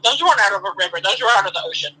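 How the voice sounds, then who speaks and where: Fast woman on a phone held away. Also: medium pitch, animated, pushed and bright, husky, low-quality recording. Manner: joking, teasing, quick back-and-forth. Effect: phone voice held away from the mic. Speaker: livestream co-host on a call. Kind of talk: casual chat.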